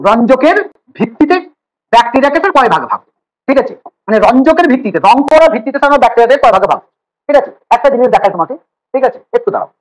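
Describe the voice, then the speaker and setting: Male biology tutor, rapid-fire delivery, playful teasing, repeats himself while explaining. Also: very high voice, lively intonation, rough recording. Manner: teasing, joking banter with students; rapid, repetitive explaining with fillers. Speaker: biology teacher. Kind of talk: casual online class lecture.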